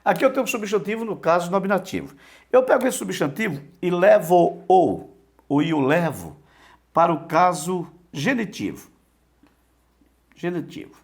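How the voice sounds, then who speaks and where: A man's voice: sits high, lively intonation, normal speed, gravelly. A man teaching a Greek lesson, repeating key words and asking himself questions. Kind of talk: online lesson.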